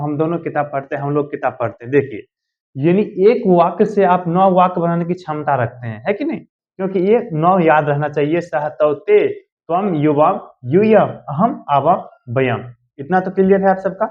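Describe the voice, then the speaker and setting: Man, teacher, grammar lesson, step-by-step explaining, checks on students, higher voice, muffled lo-fi sound. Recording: dull lo-fi sound.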